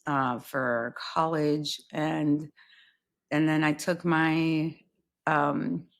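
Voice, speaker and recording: A woman in her thirties from South Florida, chatting casually as a podcast guest, animated and dropping in Spanish phrases. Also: low voice, extremely slow, creaky. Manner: animated, mixes Spanish phrases, many fillers. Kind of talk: casual interview chat.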